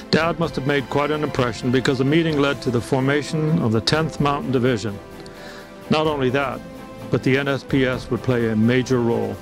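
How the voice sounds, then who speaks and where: A man speaks steadily in an interview, telling a story he has heard about his father. Music plays clearly under his voice. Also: mid-range voice. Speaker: interviewee, son of the founder. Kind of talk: interview recollection.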